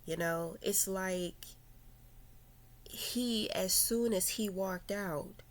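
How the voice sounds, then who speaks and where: A woman telling a personal story in a confessional vlog, reflective and halting, with many fillers, sometimes dropping to a whisper. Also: mid-range voice. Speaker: vlogger.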